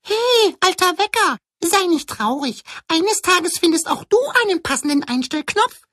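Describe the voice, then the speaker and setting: An eager, chirpy young cuckoo from a storybook, played by a woman. The voice sits very high and bounces all over the place. It sounds dry and close. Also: sing-song, no echo. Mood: cheerful, lively. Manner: chirpy, quick to cheer others up. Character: eager young male cuckoo learning to fly. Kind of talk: audiobook character voice.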